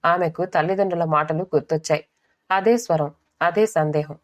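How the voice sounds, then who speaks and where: Woman narrating a story, lowish voice. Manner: steady, measured storytelling. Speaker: audiobook narrator. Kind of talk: scripted narration.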